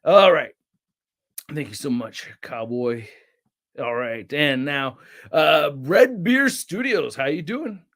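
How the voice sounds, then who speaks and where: A young man hosting a casual toy channel livestream, rambling and reading chat names aloud with excitable bursts. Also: on the high side, slow pace. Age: young adult.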